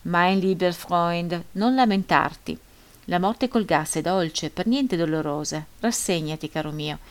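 A woman voicing a cruel male camp guard who taunts a prisoner in a loud, sarcastic voice. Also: lowish voice, a little slow, close to an everyday voice. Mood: sarcastic taunting.

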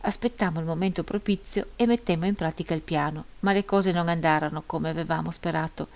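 A woman reading a first-person memoir aloud in a measured, grave, solemn manner. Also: low voice, creaky. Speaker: audiobook reader.

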